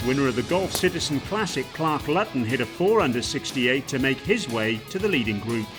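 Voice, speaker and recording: Over a clear bed of plucked guitar, a male narrator delivers scripted sports narration. His reading is smooth, measured and animated, and his pitch moves up and down a great deal.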